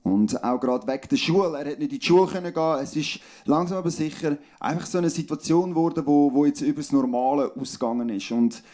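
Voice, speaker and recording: A man with a Swiss German accent preaches a sermon in a relaxed, conversational tone. His voice sits a little high but sounds dark and mellow. He tells a personal story calmly. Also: fast talker, hardly any pauses. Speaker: pastor.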